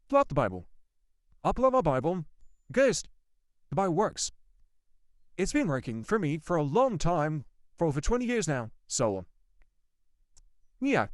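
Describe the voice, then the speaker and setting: A man with a fairly high voice tells a ghost story straight to his viewers, his pitch swinging widely as he gets worked up. He repeats himself, swears and talks to his audience directly. The sound is dry and close. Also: no room sound. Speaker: vlogger. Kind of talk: casual storytelling to camera.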